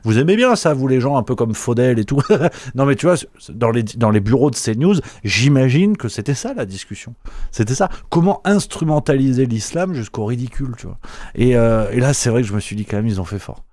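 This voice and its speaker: A man's voice: medium pitch, animated, brisk, darkish tone, dry recording. A man hosting a satirical news show, mocking and sarcastic, rambling with lots of fillers. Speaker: show host.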